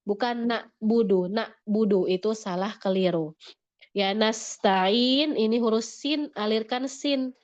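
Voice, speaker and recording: A woman's voice: fairly high pitch, unhurried, a little mellow. A woman teaching Quran recitation in an online class, patiently modelling each sound and repeating corrections. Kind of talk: online tajwid lesson.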